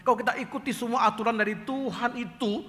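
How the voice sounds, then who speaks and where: Animated pastor in a reverberant hall. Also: male voice, extremely high pitch, fast talker. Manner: animated, acts out dialogue in quoted voices. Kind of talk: sermon with storytelling. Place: church.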